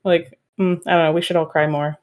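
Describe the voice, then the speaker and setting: A woman's voice: lowish voice, level tone, brisk, a little mellow. A woman in her thirties co-hosting a podcast, frank and chatty, laughing often. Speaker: podcast co-host. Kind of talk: casual chat.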